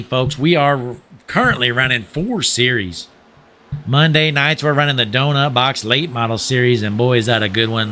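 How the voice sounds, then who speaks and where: A man's voice: medium pitch, noisy background. A young man giving folksy play-by-play commentary on a sim race, joking and calling to "folks", while losing his voice.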